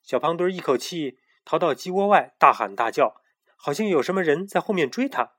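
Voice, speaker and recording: 一个男人在讲儿童故事，语气生动有表情。. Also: male voice, a little high, fairly quick, slightly rough. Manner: lively, expressive storytelling. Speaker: storyteller. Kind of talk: children's story narration.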